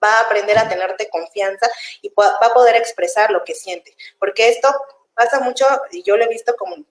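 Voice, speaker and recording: A woman's voice: mid-range voice, brisk. A young woman, explaining child development in a chatty, casual way and laughing easily. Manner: warm, chatty, laughs easily, acts out parents' voices. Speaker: child development specialist guest. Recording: echoey room.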